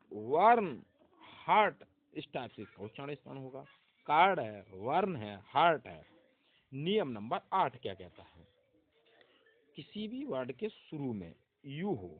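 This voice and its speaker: Repetitive, lively male English tutor. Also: a little high. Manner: repetitive, drilling rules and asking questions to the viewer. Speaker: English teacher. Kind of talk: grammar lesson. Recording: tinny phone-like sound.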